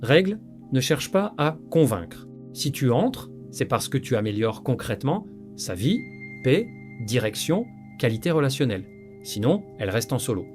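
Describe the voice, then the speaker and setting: Male voice-over, clipped and analytical, lively pitch, soft guitar bed. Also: normal speed. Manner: clipped, terse, rule-like statements. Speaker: narrator. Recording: voice-over with faint guitar music.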